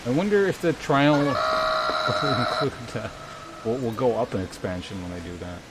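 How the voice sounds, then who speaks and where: Over heavy background noise and music, a medium-pitched man talks at a normal speed while streaming a game. He rambles politely, thinking aloud and reading messages from his viewers.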